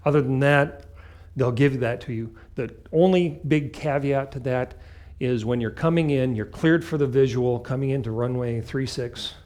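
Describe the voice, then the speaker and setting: A man's voice: mid-range voice, moderate pace, a little mellow. Male flight instructor, emphatic and step-by-step. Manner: emphatic, step-by-step explaining with short clipped phrases. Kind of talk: instructional talk with acted radio call examples.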